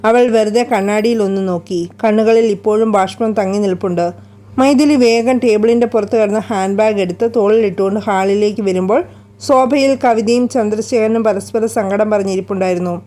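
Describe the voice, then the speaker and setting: A woman narrating a romance story in an expressive storybook reading. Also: medium pitch, a little fast. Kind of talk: scripted narration.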